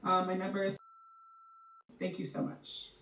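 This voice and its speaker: A woman's voice: fairly low pitch, monotone, measured pace, fairly bright tone, roomy sound, distant mic, a little hiss or hum. A woman student leaving a hesitant voicemail message, nervous and full of filler ums. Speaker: student cold caller.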